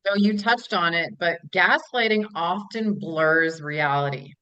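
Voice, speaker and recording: A woman's voice: lowish voice, a little slow, bright, forceful tone, clear, resonant tone, dry recording. A woman hosting a podcast interview, asking supportive, reflective questions. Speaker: podcast host. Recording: dry, dull lo-fi sound.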